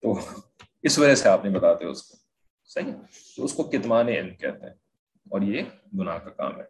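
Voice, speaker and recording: A man's voice: lowish voice, sing-song. Man explaining Quranic verses, checking in often. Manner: repeats "theek hai" to check understanding, mixes in English words. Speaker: Quran teacher.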